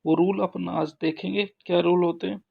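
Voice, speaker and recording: A man teaching an English grammar lesson, explaining slowly with frequent pauses and restarts. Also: high-pitched, level tone, creaky. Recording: dull lo-fi sound.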